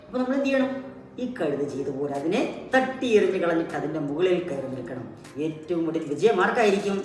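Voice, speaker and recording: A storyteller and puppet show host, this woman speaks in a low, slightly mellow voice with lively intonation, talking fast. She tells a children's story like a teacher, prompting with questions and repeating key words. The mic is distant, the sound very echoey, and music plays underneath.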